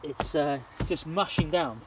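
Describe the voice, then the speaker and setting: The recording is very noisy, capturing a man in his thirties with a fairly high pitch and normal speed. As host of a bushcraft channel, he enthusiastically explains the build while working in a forest, talking casually into a camera mic that is sometimes far off.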